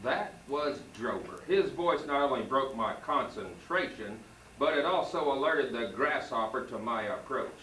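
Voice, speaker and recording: On an old home video, a man reads a children's book aloud at a school program and cues the student readers. His medium-pitched voice is animated, pushed and bright, at a moderate pace. A far camcorder mic catches the echoey school hall from a distance, with that old tape sound and slight background noise.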